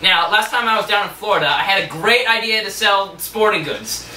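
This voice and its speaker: A young man plays an eager younger brother who talks up a big scheme in a high, bright, animated voice. The sound is roomy and distant, caught by a far camera mic, with faint hiss behind. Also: brisk, full character voice. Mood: excited. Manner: eager, pitching ideas excitedly. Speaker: student actor. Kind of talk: amateur scene acting.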